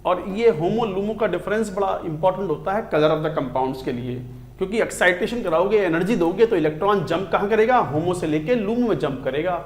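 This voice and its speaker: Echoey, high-voiced Indian chemistry teacher. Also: male voice, lively intonation, normal speed. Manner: counts aloud while writing on a board. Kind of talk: classroom lecture mixing Hindi and English.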